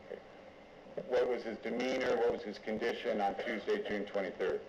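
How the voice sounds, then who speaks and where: A male lawyer conducts a formal courtroom examination in a deliberate, halting manner. His voice is on the low side. It echoes strongly in the room, and the recording is somewhat dull. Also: fairly even intonation, background noise. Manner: deliberate, halting step-by-step questioning. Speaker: lawyer questioning a witness.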